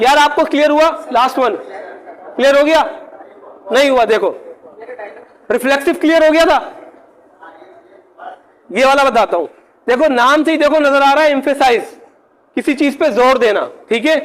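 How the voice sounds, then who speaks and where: Very high-voiced man teaching a grammar class. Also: a bit bright, poor audio. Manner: keeps checking if the class follows; slows down to spell out example words. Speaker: English teacher.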